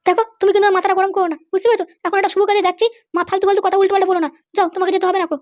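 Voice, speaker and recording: A woman voicing a shrill, nagging cartoon mother. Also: level tone, very fast, a little mellow, no room sound. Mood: scolding. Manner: nagging, scolding. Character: bossy scolding cartoon mother. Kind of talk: cartoon voice acting.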